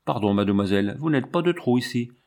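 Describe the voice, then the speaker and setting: A man's voice: medium pitch, lively intonation, fast talker, a little mellow, lightly acted. A man reading aloud, voicing a terse, proud young army captain in a storybook. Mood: curt. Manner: curt, clipped.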